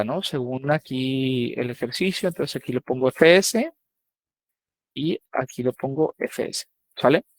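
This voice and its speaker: A man's voice: fairly high pitch, no room sound. Casual man teaching signals. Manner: casual, checks in with "¿sale?" and "¿no?". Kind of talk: live online coding lesson.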